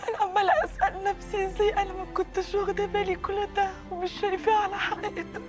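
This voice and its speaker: A woman's voice: high voice, brisk. An actress playing a heartbroken woman betrayed by her husband, speaking in tears with an Egyptian accent. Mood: tearful. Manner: tearful, despairing. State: crying. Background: music score.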